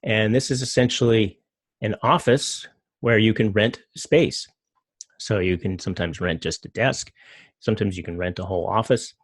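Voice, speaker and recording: A middle-aged man talks through his slides in a loose, rambling way, with plenty of fillers. His voice sits low and carries a gravelly edge. The recording is dry and close, with no room sound. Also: moderate pace, no echo. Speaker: presenter. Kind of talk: casual talk with slides.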